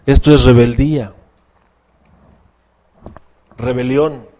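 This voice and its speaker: A man's voice: mid-range voice, steady tone, slow pace, dark tone. A man preaching a sermon as pastor, asking the congregation questions and acting out quoted voices.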